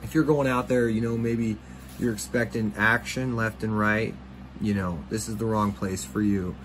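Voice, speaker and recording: A man's voice: lowish voice, steady tone, moderate pace, fairly bright tone, a little hiss or hum, rough recording. A man hosting a fishing channel, talking casually in a rambling voice-over with many fillers and restarts.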